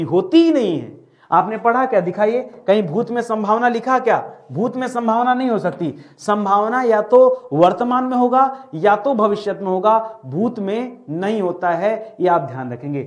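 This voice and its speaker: A man teaching a grammar lesson online, who keeps asking the class a question and answering it himself, repeating key terms as a drill. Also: high-pitched. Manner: asks a question and answers it himself, calls listeners friends.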